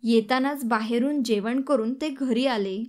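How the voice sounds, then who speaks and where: Woman, audiobook narrator, calm, measured, high voice, unhurried. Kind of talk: scripted story narration.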